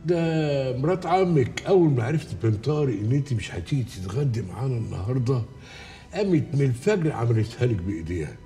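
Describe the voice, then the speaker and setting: A scheming Egyptian uncle in a TV drama. He sweet-talks in a mellow, warm voice, coaxing and repeating his flattery. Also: medium pitch, quick pace, faint music behind.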